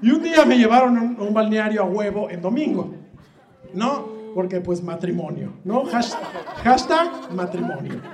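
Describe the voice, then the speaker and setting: A man's voice: high-pitched, big pitch swings, normal speed, creaky. A man with a Mexican accent doing a crude, rambling stand-up comedy routine full of slang and swearing. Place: comedy club stage. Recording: echoey live venue with audience.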